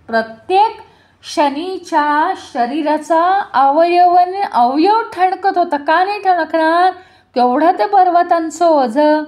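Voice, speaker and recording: A woman storyteller narrating a devotional tale, often pausing to ask her listeners questions. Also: high-pitched, darkish tone. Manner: asks listeners rhetorical questions.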